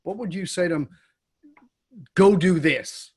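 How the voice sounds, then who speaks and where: Male podcast host, slightly high voice, emphatic and chatty. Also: unhurried, vocal fry, slightly rough. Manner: emphatic, chatty, agrees often. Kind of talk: casual interview chat.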